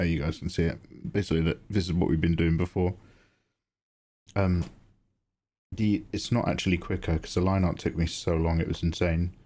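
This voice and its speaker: A man's voice: low-pitched, darkish tone. A man chatting casually on a livestream as its host, rambling and thinking aloud. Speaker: streamer and digital artist.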